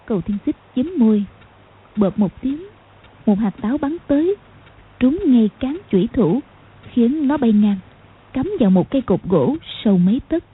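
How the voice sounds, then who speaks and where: A woman narrating an audiobook in a steady storytelling manner. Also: fairly high pitch, moderate pace, phone-quality sound, slight background noise. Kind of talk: scripted narration.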